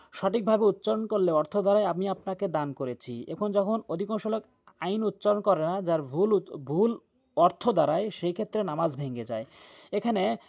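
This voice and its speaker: A man's voice: high-pitched, darkish tone. A man teaching Quran recitation in an emphatic, insistent way, spelling words out sound by sound with frequent "ah" fillers. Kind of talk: lesson.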